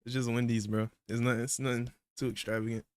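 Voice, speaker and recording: A man in casual livestream chat, talking in relaxed slang while he eats. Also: medium pitch, quick pace, smooth, no room sound, studio quality. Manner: laid-back slang, eating while talking. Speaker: livestream guest.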